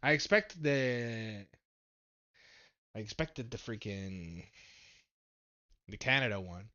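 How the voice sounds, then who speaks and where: A man hosting a casual stock market livestream, animated and laughing, swinging from low mumbles to loud exclamations. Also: takes it slowly, muffled recording.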